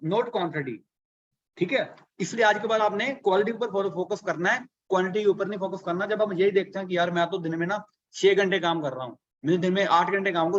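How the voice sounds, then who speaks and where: A man with a fairly high voice leads a live online workshop on productivity. He keeps asking his audience rhetorical questions and walks through arithmetic one step at a time. The webinar audio sounds dull and lo-fi. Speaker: online business coach.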